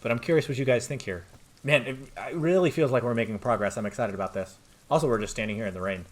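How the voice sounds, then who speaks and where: A man chatting excitedly to viewers as he plays a video game, his throat getting tired. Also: mid-range voice, quick pace. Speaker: streamer playing a video game. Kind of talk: let's play commentary.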